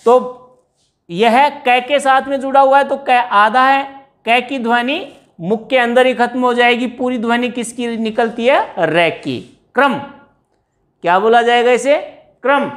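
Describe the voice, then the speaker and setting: In a grammar lesson, a man walks his students through each step, asking questions and answering them on his own. He has a very high, fairly bright voice and lengthens words when highlighting examples.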